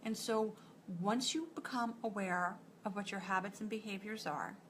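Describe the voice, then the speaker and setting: There's slight background noise as a woman with a New York accent, a nutritionist, coaches an online group live. Her mid-range voice is steady and a bit bright at normal speed, and she stays direct and encouraging, often joining thoughts with "and so."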